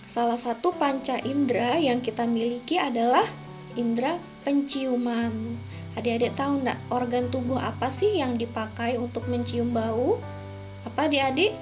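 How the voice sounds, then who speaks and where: A high-pitched woman speaks to young children as their Sunday school teacher. Her delivery is simple, sing-song and coaxing, the way one talks to little kids. Faint music plays behind her. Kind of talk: children's Bible lesson, addressing young kids directly.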